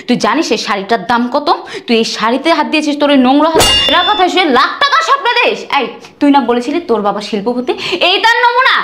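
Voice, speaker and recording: A high-voiced, arrogant rich bride, played by a young woman in a short drama, rattling off sneering insults at speed. The room is echoey. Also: sing-song, racing, a bit bright, a little hiss or hum. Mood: contemptuous.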